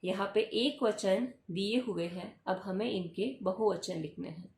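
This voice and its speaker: A woman's voice: medium pitch, unhurried, creaky, darkish tone. A woman teaching a worksheet lesson, explaining English words patiently and spelling them out letter by letter. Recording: echoey room with faint background hum.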